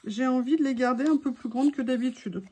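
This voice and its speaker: High-pitched woman craft vlogger, chatty and playful, at home. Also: brisk, a little mellow, slightly rough. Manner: chatty and playful, teasing asides to her dog. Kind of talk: casual chat while making a collage.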